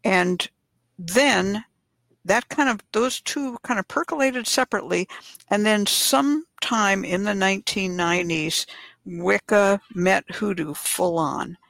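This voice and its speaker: A woman hosting a talk show, laying out history in a relaxed, explanatory way. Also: medium pitch, a little slow, gravelly, dry recording. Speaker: podcast host.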